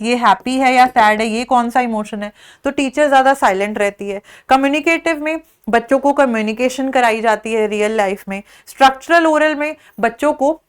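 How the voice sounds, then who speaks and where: Indian woman, lesson teacher, high and unhurried, patient and clear. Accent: Indian English. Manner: explains step by step, mixing English and Hindi; slows right down to read out questions. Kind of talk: exam prep lesson.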